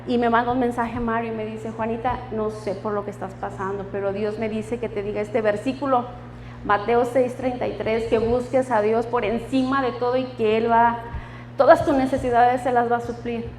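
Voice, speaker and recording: A woman's voice: a little high, flat delivery, normal speed, darkish tone, in a large hall, slight background noise. A woman giving her personal testimony in church, emotional and laughing often as she quotes the voices of God and friends.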